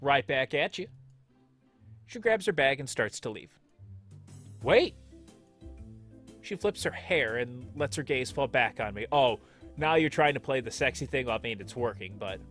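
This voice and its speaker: A man's voice: mid-range voice, lively intonation, measured pace, pauses often, a bit bright, soft background music. A man hosting a let's play, reading the game's text aloud and joking along with it in a playful, sarcastic way. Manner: playful and sarcastic, jumps into mock voices.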